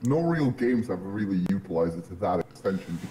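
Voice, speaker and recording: Man through a deep voice changer. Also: sing-song, a little fast, a loud crowd, low-quality recording. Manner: blunt, swears constantly. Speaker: guest streamer. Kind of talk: casual podcast chat.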